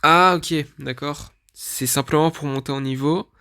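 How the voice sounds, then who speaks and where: A man talks through a mobile game in a slow, unhurried way, stopping often to puzzle over what he sees. His voice sits a little higher than most men's, and his casual commentary stays hesitant and searching. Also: bright, forceful tone, clean tone. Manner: thinks aloud, hesitant, often unsure. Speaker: gaming video creator. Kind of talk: casual let's-play commentary.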